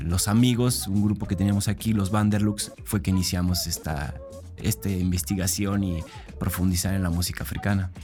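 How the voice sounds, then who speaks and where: A middle-aged man, a musician being interviewed in a radio studio. His voice is fairly low, and he talks in a relaxed, thoughtful way with some hesitation. Faint music plays in the background. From Argentina, raised in Mexico. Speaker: musician guest. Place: radio booth. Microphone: studio microphone.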